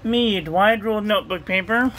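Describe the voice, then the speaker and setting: A woman reviewing ink and paper at a home desk, talking through a steady, repetitive checklist and getting excited about the ink colors. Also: medium pitch, normal speed, a little hiss or hum, poor audio. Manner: enthusiastic over ink colors. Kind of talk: casual product review voice-over.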